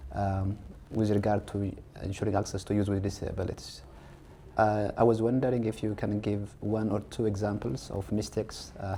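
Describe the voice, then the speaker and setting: A man's voice: fairly low pitch, mellow, a little hiss or hum. A man moderating a fireside chat interview, phrasing his questions hesitantly.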